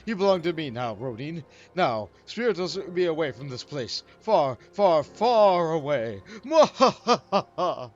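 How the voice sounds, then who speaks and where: Slow, theatrical, menacing villain. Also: male voice, a little high, big pitch swings, lo-fi sound, faint music behind. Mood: gloating menace. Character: gloating theatrical male villain making his escape. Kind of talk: cartoonish video game dialogue acting.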